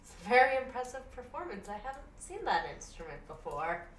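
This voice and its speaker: A woman's voice: a little high, big pitch swings, fairly quick. A woman playing a frank, flirtatious, curious female bard in a tabletop game, recorded in an echoey room. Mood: curious, admiring. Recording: echoey room, distant mic, faint noise.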